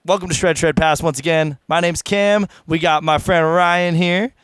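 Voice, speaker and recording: A man's voice: on the high side, normal speed, fairly bright tone, smooth, dry recording. A young man hosting a casual hangout chat in chummy, hyped frat-bro slang. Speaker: host of a guitar show.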